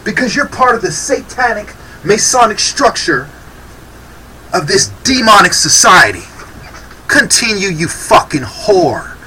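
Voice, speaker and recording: A man rants in a heated, sarcastic way as he reacts to a clip. His voice sits high and swings up and down a lot, with a bright, tense edge. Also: expressive, unhurried, pauses often, distant mic, slight background noise, rough recording. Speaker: video commentator.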